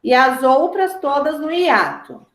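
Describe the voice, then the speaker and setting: Woman teacher, Brazilian Portuguese accent, high and slow, patient, echoey room. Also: big pitch swings, a bit bright. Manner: patient, drawn-out, repeats words for students. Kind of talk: slow classroom lesson, spelling out words.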